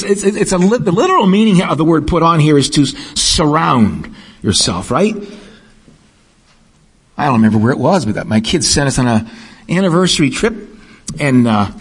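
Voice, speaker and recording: Husky, high-voiced middle-aged preacher. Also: male voice. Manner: emphatic, repeats words while building a point; asks the congregation questions. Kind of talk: sermon.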